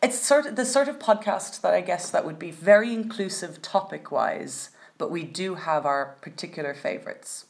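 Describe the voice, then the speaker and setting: A woman's voice: on the low side, expressive, normal speed, gravelly, hardly any pauses. A woman co-hosting a casual podcast chat, jokey and self-mocking, often laughing. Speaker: podcast co-host.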